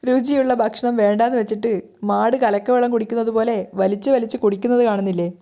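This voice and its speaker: A woman's voice: a little high, steady tone, quick pace, warm tone, lightly acted. A woman voicing a teasing, mocking young husband in a storybook retelling.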